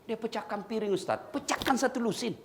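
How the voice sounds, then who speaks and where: Speaking at an extremely high pitch and a slightly fast pace, a middle-aged man with a Makassar accent gives a humorous, story-telling sermon. He calls his listeners "Pak" directly, with slight background noise in the recording.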